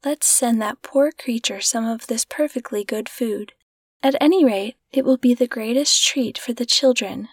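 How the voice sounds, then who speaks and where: A woman reading the lines of a brisk, decisive upper-class mother in a storybook reading, on a dry close mic. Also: fairly high pitch, no room sound, close to an everyday voice.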